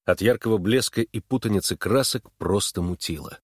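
A man narrating a novel in an even, steady audiobook reading. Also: lowish voice, normal speed, breathy edge, no room sound, studio quality. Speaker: audiobook reader. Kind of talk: scripted narration.

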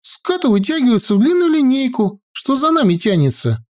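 A man voicing a young girl navigator who gives brisk, military-style reports in a raised voice. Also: very high voice, big pitch swings, pitched above the performer's own voice. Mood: brisk reporting. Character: young girl scout reporting drone sightings.

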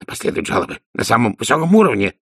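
A man's voice: mid-range voice, very animated, quick pace, breathy edge, dry recording, studio quality, voice pushed up. A man voicing a nervous, fussy male dwarf official in a storybook reading, stammering and flustered.

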